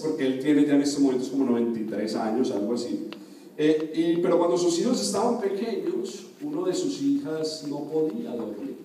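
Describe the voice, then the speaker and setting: A man preaching with a slightly high, mellow voice. He tells the story conversationally, checks in with his listeners and lowers his voice to a hush for quoted lines. The sound is distant and very echoey, with faint room noise behind. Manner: conversational, asks the audience for agreement. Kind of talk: sermon storytelling.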